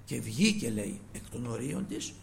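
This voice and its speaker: Gravelly-voiced man preaching a sermon. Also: mid-range voice, very animated, a little hiss or hum. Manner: earnest, retells scripture with quoted pleas, drops to near-whisper at phrase ends.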